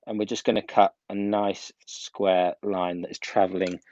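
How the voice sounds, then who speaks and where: At home, a male hairdressing instructor gives an informal live video tutorial, demonstrating step by step and repeating key points for emphasis. His low voice is level, a little mellow and at normal speed, and the audio sounds dull.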